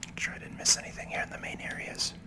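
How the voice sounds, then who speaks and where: Someone whispers soft, unhurried ASMR commentary, narrating a video game playthrough step by step.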